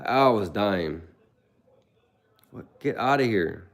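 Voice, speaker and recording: Telling animated stories and reading chat messages aloud, a young man hangs out casually on a livestream. He speaks slowly in a lowish voice.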